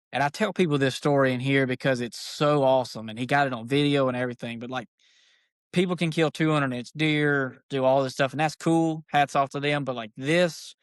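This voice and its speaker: A man, an archery shop owner, telling stories as a podcast guest in a folksy, animated way. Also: medium pitch, clean tone, dry recording, clean studio sound. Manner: animated, folksy, says "dude" a lot. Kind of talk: casual storytelling chat.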